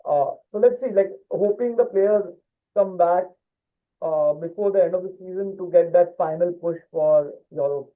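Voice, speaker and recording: A man with a high voice co-hosts a casual football podcast, speaking at normal speed with lots of fillers and restarts. The line sounds tinny, like a phone.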